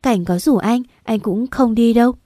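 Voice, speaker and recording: A woman's voice: on the high side, moderate pace, mellow, no echo, clean studio sound, close to an everyday voice. A woman voicing a young husband who begs his unconscious wife to wake up, in a tearful, pleading manner.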